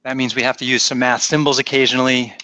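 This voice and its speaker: A math instructor from Rhode Island, USA, with a faint, mostly softened local accent, gives a classroom lecture in a chatty, teasing way, thinking aloud as he goes. His medium-pitched voice is flat in delivery, fast, pushed, and bright, and the recording is dry.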